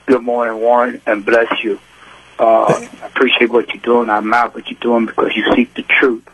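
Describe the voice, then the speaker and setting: A man calling in to a radio talk show, speaking quickly in a fervent, preachy way. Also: medium pitch, little pitch movement, a bit bright, breathy edge, poor audio. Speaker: caller.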